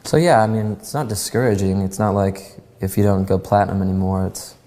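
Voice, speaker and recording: A man answering interview questions casually, with frequent ums and pauses. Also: low voice. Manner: relaxed, many ums and pauses. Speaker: musician interviewee. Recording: long reverb.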